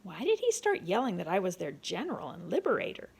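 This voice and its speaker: A woman voicing a steady, determined male doctor-explorer who talks earnestly and reasons with others. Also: mid-range voice, normal speed, vocal fry. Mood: frustrated. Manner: earnest, reasoning, peace-seeking.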